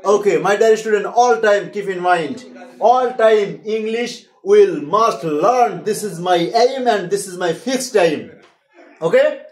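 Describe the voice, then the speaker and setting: High-voiced Bengali teacher drilling a class. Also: male voice, drawn-out words, reverberant. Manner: drills students with call-and-response, mixes Bengali and English. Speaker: English teacher. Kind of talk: classroom English lesson.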